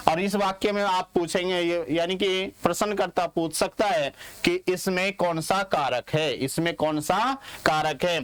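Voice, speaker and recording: Man teaching, slightly high voice, dry close sound, repeats question and answer. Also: a bit bright, clear, resonant tone, no echo. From India. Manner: asks questions and answers them himself, repeats words slowly. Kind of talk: classroom grammar lesson.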